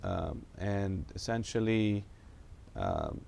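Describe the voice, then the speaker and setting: A man's voice: lowish voice, wildly swooping pitch, takes it slowly, creaky, a little mellow, slight background noise. A young man from South Florida, a medical doctor, answers questions in a studio interview, speaking hesitantly with many fillers and restarts. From South Florida, USA. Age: young adult.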